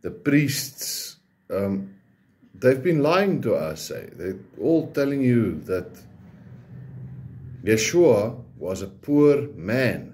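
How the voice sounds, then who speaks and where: This Afrikaans-accented preacher from South Africa has a mid-range, darkish voice with big pitch swings and drawn-out words. Speaking English, his first language being Afrikaans, he gives a loose, hesitant sermon and often tacks a questioning tag onto his phrases.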